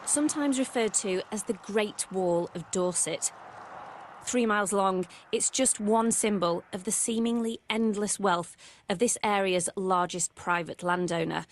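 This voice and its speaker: A woman TV news reporter delivering a scripted report in a measured, formal way. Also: medium pitch, a little hiss or hum.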